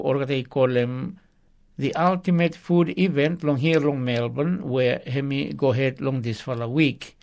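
Man, Melanesian accent, pidgin, radio news presenter, creaky voice, mid pitch. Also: darkish tone.

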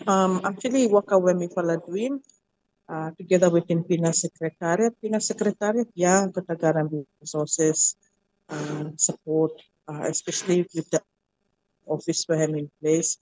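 A woman with a Solomon Islands accent giving halting interview answers in Pidgin as an association leader. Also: fairly low pitch, fairly even intonation, warm tone, no room sound, poor audio. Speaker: media association president being interviewed.

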